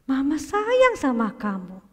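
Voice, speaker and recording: A woman voicing a gentle, loving mother who comforts her son in a soft, hushed voice. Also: sits high, expressive, slow pace, heavily acted. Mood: soothing. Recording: long hall reverb.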